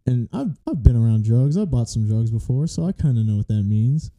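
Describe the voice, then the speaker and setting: Dark-voiced man telling a rambling story. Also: mid-range voice, lively intonation, brisk. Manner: long rambling first-person storytelling. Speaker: podcast co-host. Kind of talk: casual podcast chat.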